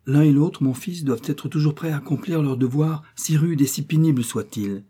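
A man voicing a gracious captain's wife who speaks gently and earnestly, in an audiobook reading. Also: a little high, normal speed, slightly rough, voice pushed up.

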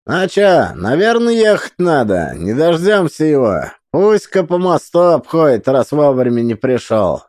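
A man voicing a fat, rough, jovial man who talks in a coarse, mocking and boisterous way, in a dry recording. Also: a little high, big pitch swings, measured pace, few pauses, darkish tone, no room sound, voice pushed up.

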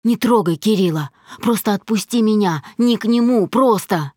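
A woman's voice: mid-range voice, moderate pace, a little mellow, no room sound, studio quality, natural voice. A woman voicing a young wife who answers her husband tensely and defiantly. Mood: pleading.

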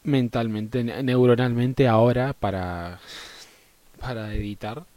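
Hungover Argentine man, dark mellow voice. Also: medium pitch, fairly even intonation, takes it slowly, no echo. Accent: Argentine Spanish. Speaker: live streamer. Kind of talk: casual gaming stream chat, sweary.

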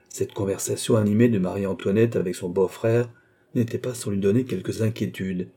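A man reading a classic novel aloud as an audiobook, in measured, even narration. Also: on the low side, husky. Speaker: audiobook reader.

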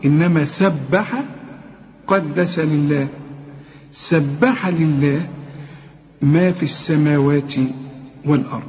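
A man with an Egyptian accent teaching a Quran recitation lesson, patiently explaining rules and slowly repeating each word to demonstrate it. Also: a little high, darkish tone, a little hiss or hum. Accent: Egyptian Arabic. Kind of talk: tajweed lesson with recited examples. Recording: reverberant, slightly dull recording.

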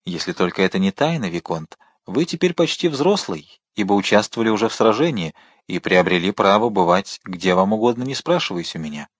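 A man reading the part of a noble older count who speaks gently and kindly to his ward. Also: fairly low pitch, sing-song, fairly quick, few pauses, no echo. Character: noble older male count, calm and fatherly.

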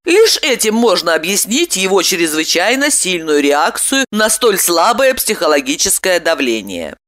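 A woman reading an audiobook aloud with expressive storytelling. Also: on the low side, normal speed. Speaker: narrator. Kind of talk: audiobook narration.

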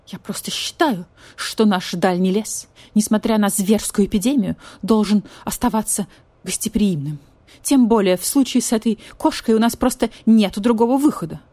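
A woman's voice: mid-range voice, normal speed, warm tone, no echo, pitched above the performer's own voice, natural voice. A woman voicing a stern, fussy vulture police officer who speaks in an indignant, clipped way.

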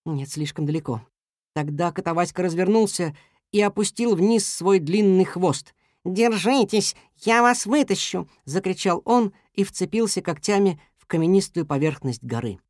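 A narrator reading a children's story aloud in an even, gentle manner. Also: mid-range voice, moderate pace, dry recording, clean studio sound.

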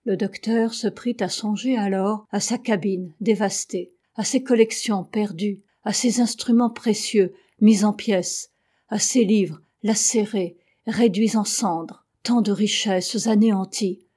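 A woman narrating a classic novel as an audiobook, in a measured, even storytelling manner. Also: mid-range voice, breathy edge. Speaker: audiobook reader.

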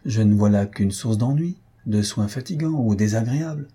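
A thoughtful young woman, probing and insistent with her questions, as a man reads her in an audiobook. The tone is dark and very husky, pitched above the reader's own low voice. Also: moderate pace. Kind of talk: audiobook character voice.

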